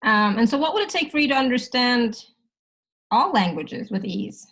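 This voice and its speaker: A woman's voice: on the high side, big pitch swings, moderate pace, a bit bright. A woman from India who grew up in Canada, leading a workshop in a chatty, easygoing way with frequent "right?" asides. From India, raised in Canada. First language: Hindi. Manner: chatty, laughs often, says "right?" a lot. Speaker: facilitator leading clearings. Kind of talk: casual workshop talk in English.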